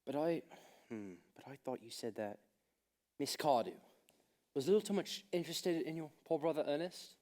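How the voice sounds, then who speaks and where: A young man acting a witty, idle gentleman in a school stage comedy, with a playful, teasing delivery. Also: fairly high pitch, expressive, moderate pace, natural voice. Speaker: stage actor in a school play.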